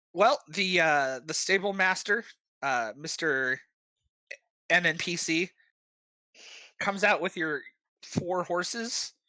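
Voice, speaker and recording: A game master narrating a tabletop game in a relaxed way, with many filler sounds. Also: mid-range voice, dry recording.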